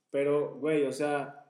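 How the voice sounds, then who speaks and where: Young Mexican man, slangy co-host, higher voice, echoey room. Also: warm tone. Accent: Mexican Spanish. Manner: crude slangy banter, says güey constantly. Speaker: podcast co-host. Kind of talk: casual chat.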